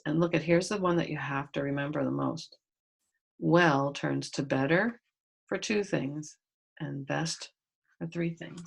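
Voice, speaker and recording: Teacher, woman, low husky voice, patient step-by-step remote grammar lesson. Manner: patient, explains step by step, spells out letters. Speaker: grade school teacher.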